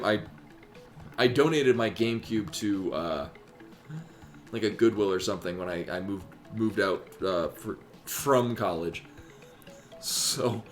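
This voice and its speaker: A man in his thirties chatting casually as he streams a game. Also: medium pitch. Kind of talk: casual chat while playing. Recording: faint game music behind. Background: game music.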